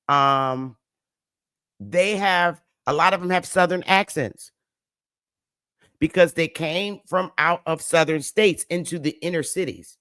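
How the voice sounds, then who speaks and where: Speaking in a lowish voice with a Northern US accent, this woman hosts a livestream and lectures her viewers emphatically. She repeats her points and calls on the chat to answer back, and the recording is dry with clean studio sound.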